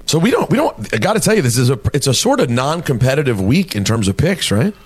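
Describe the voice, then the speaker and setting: A man's voice: medium pitch, sing-song, quick pace, breathy edge. A man hosting a sports radio show, bantering in a playful, teasing way. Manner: playful, teasing, leads the talk.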